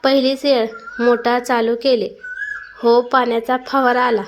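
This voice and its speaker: A woman's voice: fairly high pitch, little pitch movement, a little slow, slight background noise. A woman narrating a family story and voicing the characters' dialogue herself.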